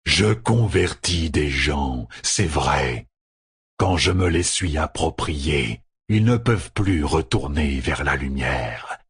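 A man voicing an ancient evil dark being, cold and patient, speaking in a slow, low, menacing drawl. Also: lively intonation, slightly rough, no echo, clean studio sound, full character voice. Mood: cold, mocking.

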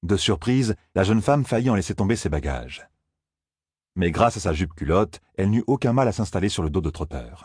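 A man narrating a fantasy audiobook in a steady, even storytelling manner. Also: sits low, a little fast, husky, no room sound, studio quality.

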